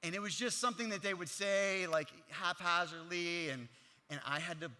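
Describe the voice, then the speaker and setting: A man delivers a sermon as a pastor, talking plainly and earnestly, as if chatting with the congregation. His voice sits a bit high and rings bright and forceful. A long reverb trails each phrase through the large hall. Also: normal speed. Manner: earnest, plain-spoken, animated, with conversational fillers. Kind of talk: conversational sermon.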